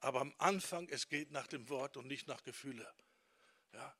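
A man preaching a teaching sermon, emphatic, often checking in with listeners with a quick "Ja?". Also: medium pitch, fairly bright tone, no room sound. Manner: emphatic, quotes people in acted asides. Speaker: preacher on discipleship.

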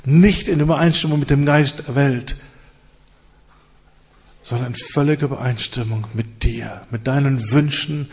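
A man preaching and leading prayer with fervor, in repeated rising phrases and hushed stretches. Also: medium pitch, normal speed, husky. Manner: fervent, repetitive prayer cadence with hushed stretches. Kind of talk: sermon and prayer.

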